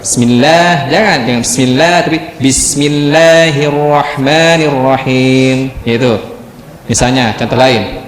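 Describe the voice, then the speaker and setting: A man teaching Quran recitation rules in a mosque class, explaining patiently and chanting example verses slowly. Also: mid-range voice, slight background noise. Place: mosque hall. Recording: echoey hall, crowd behind.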